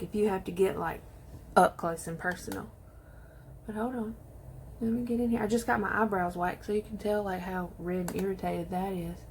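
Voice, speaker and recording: A woman chatting excitedly to viewers while she does her makeup in a casual tutorial. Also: medium pitch, slight background noise. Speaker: beauty vlogger.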